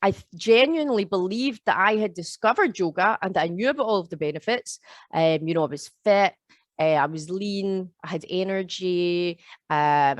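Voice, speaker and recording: A thirty-something woman from Glasgow, Scotland, teaches a live online yoga teacher training by video call, chatty and constantly checking in with "all right?" and "okay?". Her voice is on the low side, and the recording is dry and studio quality.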